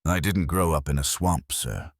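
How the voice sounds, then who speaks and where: A man voicing a gruff, snappy army sergeant who grumbles, in a dark fantasy audio story. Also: very deep voice, normal speed, dry recording, studio quality. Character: gruff male sergeant, grumbling, swamp guide.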